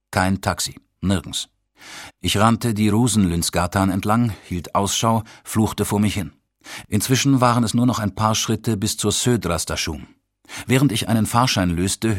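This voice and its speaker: A man narrating a first-person audiobook in a measured, steady storytelling manner. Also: lowish voice, no echo, clean studio sound.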